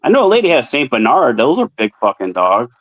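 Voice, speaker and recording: A man's voice: medium pitch, wildly swooping pitch, fairly quick, a bit bright, no room sound, low-quality recording. A man in casual chat, telling blunt, profane anecdotes.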